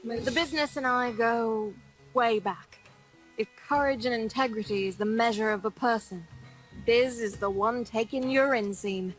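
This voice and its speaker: A woman's voice: on the high side, normal speed, faint music behind, close to an everyday voice, rough recording. An actress playing a tough, wisecracking woman squad leader in video game dialogue, brash and teasing with nicknames for everyone.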